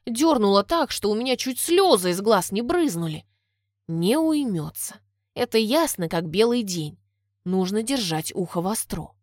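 Expressive woman narrating a story. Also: mid-range voice, unhurried, dry recording, clean studio sound. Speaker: audiobook narrator. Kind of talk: scripted first-person narration.

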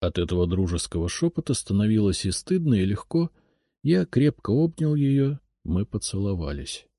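A man narrating a classic novel as an audiobook, reading with expressive, dramatic storytelling. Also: lowish voice, normal speed, dry recording, clean studio sound.

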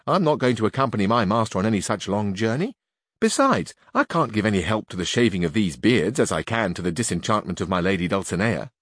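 A man's voice: on the low side, big pitch swings, fast talker, a bit bright, dry recording, studio quality. A man reading aloud and voicing a blunt, stubborn peasant squire who grumbles. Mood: grumbling. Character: complaining stubborn peasant squire, male, middle-aged. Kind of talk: audiobook reading.

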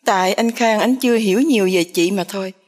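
A woman's voice: mid-range voice, brisk, a little mellow, close to an everyday voice. A woman voicing a spiteful, jealous young woman. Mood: taunting. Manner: spiteful, taunting.

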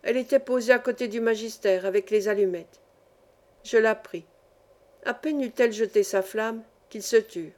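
A woman narrating a classic novel as an audiobook reader, measured and even. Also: a little high.

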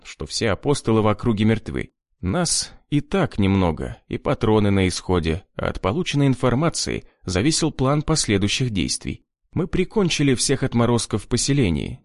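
Guy reading a grim audiobook, lively pitch, dry close sound. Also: dry recording. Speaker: audiobook narrator. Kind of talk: scripted narration.

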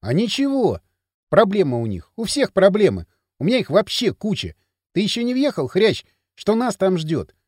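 A sulky, sarcastic teenage boy, as an audiobook reader plays him, with a lively, up-and-down delivery. He talks bluntly and scoffs easily, recorded close and dry. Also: sits high, moderate pace, no echo. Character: grumpy restless teenage boy Kirill. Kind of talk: audiobook character reading.

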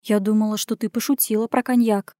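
A woman's voice: medium pitch, steady tone, fairly quick, dark tone, dry recording, studio quality, lightly acted. A woman reading an audiobook, voicing its first-person heroine, a young woman with a wry, ironic way of speaking.

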